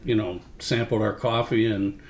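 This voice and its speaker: A man in a casual chat, relaxed and opinionated, repeating his points. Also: lowish voice, moderate pace, roomy sound, a little hiss or hum.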